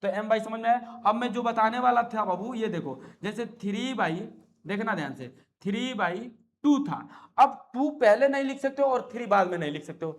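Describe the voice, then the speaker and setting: A high-pitched man lectures a maths lesson. He repeats key terms again and again and keeps coaxing his students with friendly checks on whether they follow. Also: lively intonation, normal speed. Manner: repetitive, coaxing, checks understanding often. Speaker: maths teacher. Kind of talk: classroom lecture.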